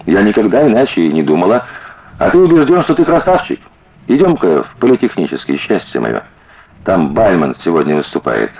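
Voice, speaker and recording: A man's voice: deep voice, sing-song, brisk, creaky, breathy edge, heavily acted. A man reading an audiobook and voicing a playful, skeptical young noblewoman who teases the man beside her. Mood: teasing. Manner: teasing, playful. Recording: dull lo-fi audiobook recording.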